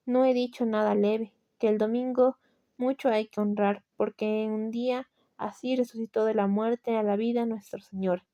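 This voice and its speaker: A woman's voice: fairly high pitch, steady tone, normal speed, warm tone, highs cut off, natural voice. A woman with a Latin American Spanish accent voicing a dying male sinner who feigns tearful, humble piety in a storybook reading. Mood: pious. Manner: tearful, pleading, feigned humility. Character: dying male sinner, false pious penitent.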